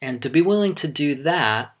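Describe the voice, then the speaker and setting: A middle-aged man giving a sermon as a pastor, speaking conversationally with frequent halting pauses. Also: on the high side, lively intonation.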